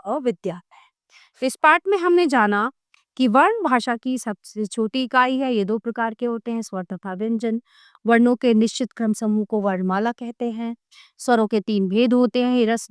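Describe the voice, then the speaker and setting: A woman narrating a grammar lesson for children, clear and measured, reading out word lists slowly. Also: on the high side, dry recording, studio quality. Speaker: teacher.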